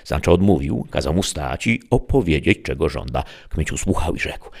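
A man narrating a classic novel in a measured, steady reading voice. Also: a bass voice, creaky, breathy edge. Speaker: audiobook narrator.

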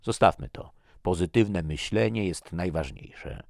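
A man's voice: sits low, animated, unhurried, gravelly, a little mellow, no echo, studio quality, exaggerated voice. A man voicing a wry male archaeologist. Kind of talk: audiobook reading.

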